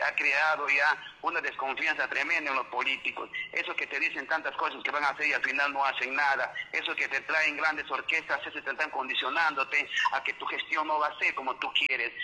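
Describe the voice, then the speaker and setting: A man's voice: mid-range voice, bright, forceful tone, poor audio. A man running for local office, answering a radio interviewer with campaign talk and often addressing the host as his esteemed friend. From Peru. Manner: repeats a stock address to the interviewer. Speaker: local election candidate.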